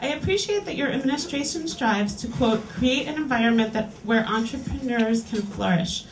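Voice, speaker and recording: This woman's fairly high voice comes across animated as she hosts a reading series and reads erotica aloud to a live lounge audience. She reads clearly and deliberately. The capture is roomy and distant, with a little hiss or hum.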